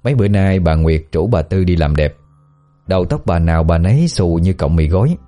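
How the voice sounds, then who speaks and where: A man narrating a ghost story in a steady, lively storytelling manner. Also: deep voice, fairly quick, faint music behind. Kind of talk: scripted audio-story narration.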